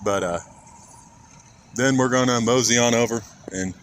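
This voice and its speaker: A man from Kansas, USA streams IRL in a medium-pitched, fairly bright voice at a moderate pace, rambling, joking, and reading chat aloud. The audio is poor: a phone recording outside with clear traffic noise.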